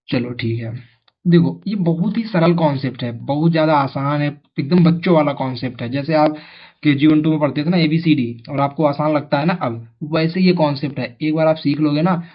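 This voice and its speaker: Chatty male tutor, slightly high voice. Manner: chatty, repeats questions to students; calls viewers brother. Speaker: teacher. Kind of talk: exam coaching lesson. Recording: dull lo-fi sound.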